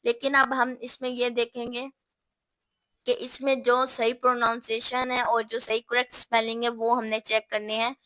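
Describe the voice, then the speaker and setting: A woman with a Pakistani Urdu accent teaching English spelling, spelling words out slowly letter by letter. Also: a little high, little pitch movement, sharp tone, no room sound. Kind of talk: spelling lesson.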